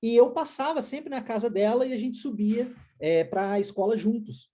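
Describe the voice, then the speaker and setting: A woman's voice: fairly high pitch, moderate pace, dark tone. A woman with a Brazilian Portuguese accent teaching an online English lesson, explaining step by step and often checking in with short questions.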